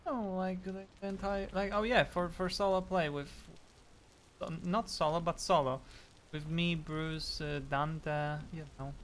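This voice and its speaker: A man's voice: sits high, steady tone, measured pace, a bit bright, slight background noise. A non-native English-speaking man streaming a game, chatting casually and yelping when something attacks him. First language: not English. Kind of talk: casual live-stream chat while gaming.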